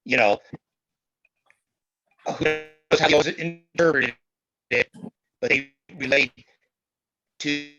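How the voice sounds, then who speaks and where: A man speaking haltingly on a video call while his audio breaks up and cuts out. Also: a little high, sharp tone, lo-fi sound, soft background music. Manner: halting, repeats words. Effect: call audio breaking up and cutting out. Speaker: committee member. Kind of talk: video call meeting discussion.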